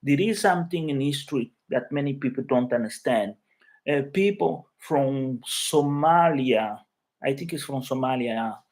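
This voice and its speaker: Live streaming casually from his living room, a Chuabo-speaking man from Mozambique chats with viewers and reads their comments. He speaks halting English with many fillers and restarts, in an expressive, darkish, mid-range voice.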